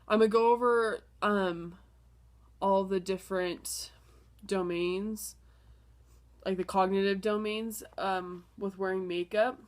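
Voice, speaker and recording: A young woman with a stuffed-up nose from a cold talks through her lesson plan as a student in a casual spoken presentation. Her mid-range voice is steady and slow, and she is chatty, leaning heavily on fillers and restarting with apologies.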